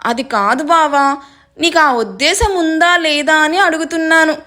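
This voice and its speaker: Storybook bride, young and soft-hearted, high bright voice, read by a woman. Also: unhurried. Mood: pleading. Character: sweet, selfless young bride.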